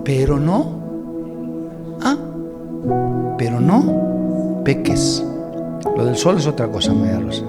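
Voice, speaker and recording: A pastor, preaching a sermon in a lively way that speaks directly to his congregation with questions and jokes. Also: medium pitch, slow pace, long pauses, big-room sound, over loud music. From Spain. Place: church hall.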